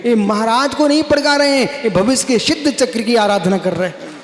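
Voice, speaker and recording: A man's voice: very high voice, fairly quick, a little hiss or hum. A man giving a live religious sermon as a monk preacher, dramatic and rhetorical, repeating his questions and calling listeners friend. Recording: echoey hall with long reverb.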